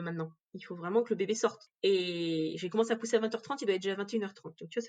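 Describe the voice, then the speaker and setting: A woman's voice: medium pitch, a little mellow. A woman giving a candid personal account in an interview, speaking directly and with emotion. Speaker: interview guest.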